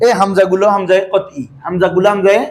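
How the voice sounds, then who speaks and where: A man's voice: high voice, little pitch movement, very fast. A man teaching Arabic grammar in a classroom, explaining patiently in colloquial speech and quizzing his students with constant questions. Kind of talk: classroom lecture with call-and-response. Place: classroom with students seated in front.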